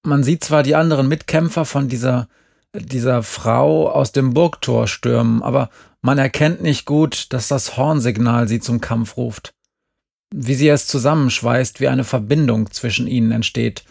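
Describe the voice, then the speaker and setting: A calm, fair-minded mother in a storybook, voiced by a man reading aloud. She reasons gently and steadily, in a slightly gravelly, close, dry voice. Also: medium pitch, unhurried, no echo. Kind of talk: scripted narration.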